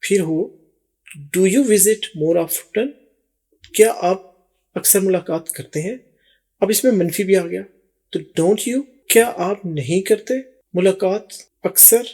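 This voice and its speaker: A man with a Pakistani accent gives a spoken English lesson, breaking each phrase down word by word. His voice sits fairly high, yet its tone is dark and a little husky. He speaks very slowly and deliberately. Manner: slow, deliberate word-by-word explaining. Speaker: English teacher.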